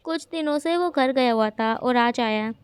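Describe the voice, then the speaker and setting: A woman voicing a reserved, quiet young man, speaking in a soft, hushed and understated way. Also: high-pitched, normal speed, smooth, no room sound, close to an everyday voice.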